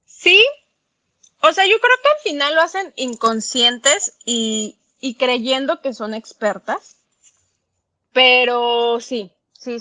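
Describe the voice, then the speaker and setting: A woman's voice: fairly high pitch, bright, forceful tone. A woman, a mother co-hosting a podcast, giving her opinions frankly and firmly in casual chat.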